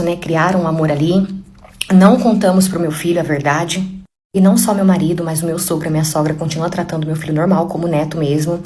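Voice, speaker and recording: A woman's voice: fairly low pitch, darkish tone. A woman with a Brazilian Portuguese accent telling a personal confession story in a chatty, emotional way, full of fillers. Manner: emotional, conversational, many fillers.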